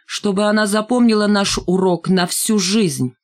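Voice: medium pitch, normal speed, pitched above the performer's own voice, lightly acted. Narrator putting on a bossy schoolgirl leader, firm, scornful, slightly raised voice, audiobook. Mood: cold commanding. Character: schoolgirl ringleader, cold, commanding, contemptuous. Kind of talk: audiobook character voice.

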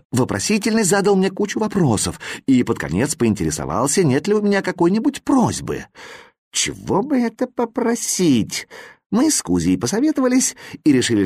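A man reading a children's story aloud in an expressive, playful storytelling manner. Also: a little high, husky, no echo, studio quality. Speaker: audiobook reader.

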